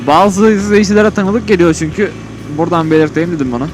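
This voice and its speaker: A fairly high-voiced man speaks from inside a motorcycle helmet while riding. He gives casual, colloquial vlog commentary, rambling as he thinks aloud, with music playing clearly behind him. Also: a little fast. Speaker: motovlogger. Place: outdoors on a motorcycle on an open road. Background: music, vehicle on the road.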